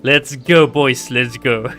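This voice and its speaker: A man with a Dutch accent chats casually while streaming a game, his voice medium-pitched and a bit bright. He comes across giggly and hesitant, with lots of ums throughout the gameplay commentary.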